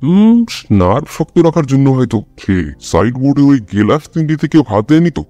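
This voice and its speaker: A man voicing a brilliant, restless male detective who reasons in a measured way and sometimes turns urgent. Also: medium pitch, sing-song, warm tone, no echo, highs cut off, pitched above the performer's own voice, natural voice. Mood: reasoning.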